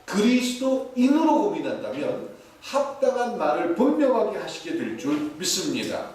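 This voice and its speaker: Animated male pastor preaching in an echoey church. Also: high-pitched, normal speed. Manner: animated, playful, mimics dialect phrases. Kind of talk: sermon. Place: church sanctuary. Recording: echoey, distant, faint hiss.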